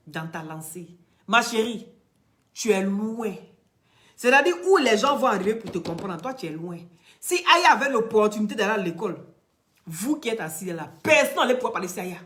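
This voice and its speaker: This woman's voice sits a little high as she gives fervent, preachy commentary to the camera in Ivorian-accented French. She is a social media commentator from Ivory Coast whose first language is Dioula or another Ivorian tongue, and she shifts from emphatic loud peaks to quiet asides that are nearly whispered.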